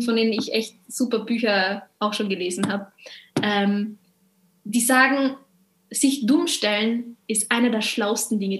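A woman with an Austrian German accent, a podcast guest telling stories in a lively, sarcastic way and slipping into English phrases. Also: a little high, echoey room, a little hiss or hum. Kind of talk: candid podcast conversation.

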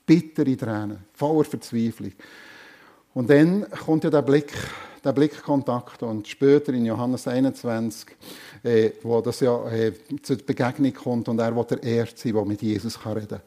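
A man's voice: mid-range voice, fairly even intonation, moderate pace, dark tone. A man preaching a sermon earnestly, repeating key phrases for emphasis.

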